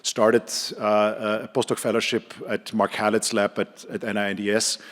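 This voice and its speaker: A middle-aged Austrian neurologist and clinical trialist, whose first language is German, gives an informal talk to an audience in a conference hall. His voice sits on the low side with little pitch movement, and he speaks haltingly, repeating words and hesitating often. The sound echoes around the hall.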